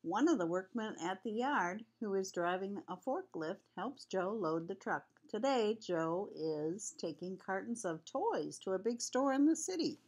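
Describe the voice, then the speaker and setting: A woman's voice: medium pitch, lively intonation, measured pace, few pauses, darkish tone. An older woman, a sweet grandmother with a cold, reading a children's picture book aloud in a homely, chatty way. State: has a cold with cough.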